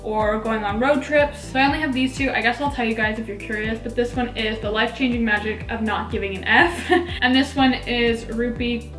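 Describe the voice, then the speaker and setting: A woman's voice: on the high side, steady tone, fairly quick, a bit bright. A woman in her late teens chatting in a bubbly, casual haul-vlog style, with a slight lisp from a dental tray in her mouth. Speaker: video host. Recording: echoey room, music underneath. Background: background music.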